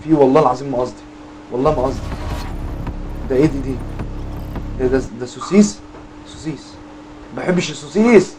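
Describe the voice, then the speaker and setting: A young Egyptian man plays a horror game with joking commentary, swearing and acting scared. His voice sits at an average pitch. A faint hum hangs behind him. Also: steady tone, quick pace, long pauses. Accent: Egyptian Arabic. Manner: jokey, swears, mock-scared reactions. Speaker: gaming YouTuber.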